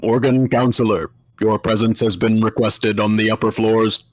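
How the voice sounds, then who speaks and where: A man voicing a flat automated building announcement system in a fandub. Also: lowish voice, normal speed, no echo, lightly acted. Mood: robotic. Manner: monotone, announcing.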